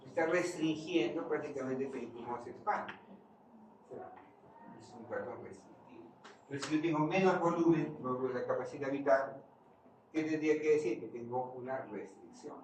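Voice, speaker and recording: A man's voice: mid-range voice, normal speed. A man giving a physiology lecture, quizzing the class and answering his own questions. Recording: far-off mic in an echoey room, noisy.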